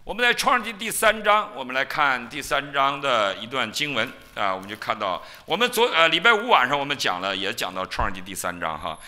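A male pastor preaching a sermon in a church, telling stories in an animated way and acting out the lines of biblical figures. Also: mid-range voice, fairly quick, hardly any pauses.

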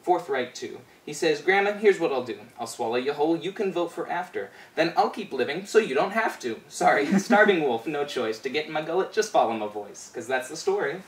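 Expressive and fairly quick, a man in his twenties tells a rhyming fairy tale as spoken word, his slightly high voice playful and rhythmic with hardly any pauses. He's performing in a small bare room indoors. The far camera mic gives a roomy, distant recording with background noise.

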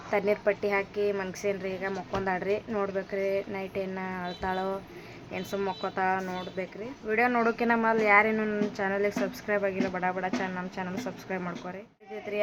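A woman's voice: medium pitch, little pitch movement, fast talker. A young mother with a North Karnataka Kannada accent, chatting casually to viewers at home in a vlog. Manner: chatty, addresses viewers with polite "ri". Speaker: vlogger and mother. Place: at home indoors. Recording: noisy home phone recording.

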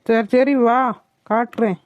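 A woman voicing a bossy, sharp-tongued girl in a cartoon, scolding and sarcastic. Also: on the high side, fairly even intonation, unhurried, close to an everyday voice. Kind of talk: cartoon voice acting. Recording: tinny phone-like, dry.

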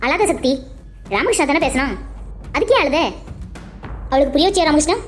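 A sharp-tongued young woman in a family cartoon, voiced by a woman confronts and teases her friend with probing questions. Her voice is very high and quick. Faint music runs behind her. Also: lively intonation. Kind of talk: cartoon voice acting.

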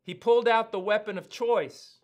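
Man, American accent, fifties, sermon, emphatic pauses, high-pitched, studio. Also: fairly even intonation, highs cut off. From United States. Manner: slow, earnest, emphatic, with weighty pauses. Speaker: preacher. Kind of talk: sermon teaching. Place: studio with dark backdrop, indoors.

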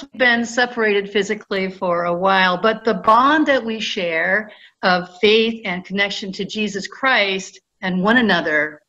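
Woman pastor, slow measured sermon, cathedral echo, muffled lo-fi sound. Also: medium pitch, fairly bright tone. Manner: slow, measured preaching with some fillers. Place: church sanctuary with a cathedral-like echo.

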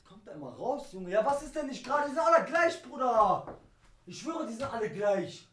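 Brief: excitable high-voiced man, lively stream banter, noisy echoey room. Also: brisk. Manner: excited, exasperated, shouting back. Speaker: streamer co-host. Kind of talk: boisterous live-stream banter. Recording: roomy, distant mic, background noise.

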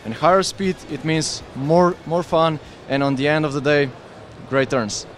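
Eager man pitching skis at a trade fair. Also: steady tone, a little slow, slight background noise. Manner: enthusiastic, explains with hand gestures. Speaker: ski brand representative. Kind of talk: trade fair product interview. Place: busy indoor trade fair hall. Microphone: handheld interviewer mic with windscreen.

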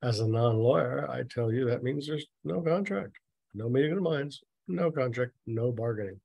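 A man's voice: medium pitch, lively intonation, moderate pace, gravelly, husky, no room sound, dull audio. Dry sarcastic man nitpicking a story. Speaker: reader mocking a story. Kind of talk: sarcastic dramatic reading with commentary.

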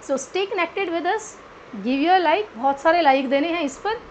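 Lady teacher, very high voice, slow careful drilling, a bit of faint noise behind. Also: poor audio. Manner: repeats each word slowly and quizzes the viewer. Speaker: English pronunciation teacher. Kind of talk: pronunciation lesson mixing Hindi and English.

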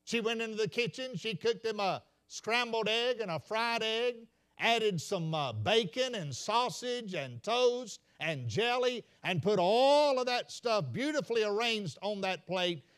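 A man, a senior pastor, preaching a sermon in a folksy storytelling way and calling out to "ladies and gentlemen.". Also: high voice, clean tone. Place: church sanctuary.

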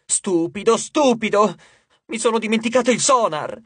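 A man's voice: extremely high pitch, no echo, voice pushed up. A man voicing a flustered teenage boy mechanic who scolds himself in a hurry. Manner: self-scolding, hurried.

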